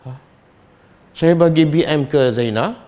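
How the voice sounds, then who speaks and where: A middle-aged man with a Malaysian Malay accent, giving a religious study lecture and questioning his audience in an animated, teasing way. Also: on the high side, slow, dull audio. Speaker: religious teacher.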